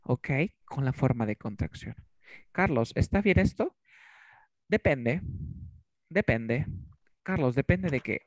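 A man's voice: mid-range voice, expressive, slow, long pauses, no echo. Dry-sounding male teacher quizzing students. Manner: quizzes students with repeated questions. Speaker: English teacher. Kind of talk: online class teaching. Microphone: video call.

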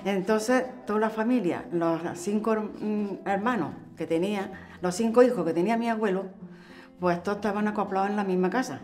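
A woman's voice: medium pitch, brisk, darkish tone. A woman in her seventies talks about her family, repeating phrases as she gathers her thoughts. Faint guitar music sits under her voice. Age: 70s. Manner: repetitive, searching for words. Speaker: interviewee, homemaker. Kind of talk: reminiscing interview. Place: living room at home.

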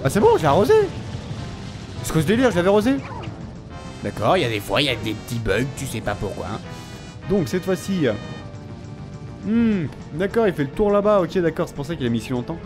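Excitable young gamer. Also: male voice, on the high side, fairly quick, long pauses, music in the background. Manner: excitable, taunts the game enemy, slangy. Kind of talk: let's play commentary.

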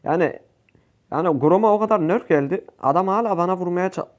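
Young male gaming commentator, higher-pitched voice, excitable, quick to yell at teammates. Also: lo-fi sound. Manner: excitable, swears and yells at teammates. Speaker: gaming youtuber. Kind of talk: casual gameplay commentary.

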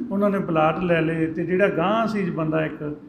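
A man preaching in a high voice, recorded in an echoey hall with a faint hum of ambience behind him. He keeps putting rhetorical questions and then answering them himself, and he stretches scripture verses into a slow chant. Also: steady tone. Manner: sings out scripture verses slowly. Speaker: Sikh preacher. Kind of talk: religious discourse.

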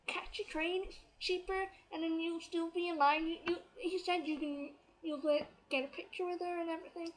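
A woman from England, telling a story to the camera in an excitable, chatty way. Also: high voice, rough recording. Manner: excitable, chatty, quotes others as she retells. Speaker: vlogger.

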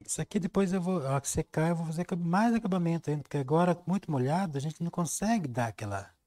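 A man's voice: on the high side, lively intonation, fast, dark tone. Chatty Brazilian man teaching painting. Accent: Brazilian Portuguese. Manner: chatty, storytelling, reads viewer comments. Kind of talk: live-stream painting lesson.

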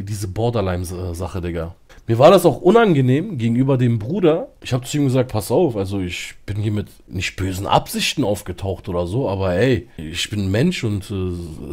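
A man streaming live, telling a personal story in a slangy, animated way with lots of fillers. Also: medium pitch. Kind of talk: casual storytelling on a livestream.

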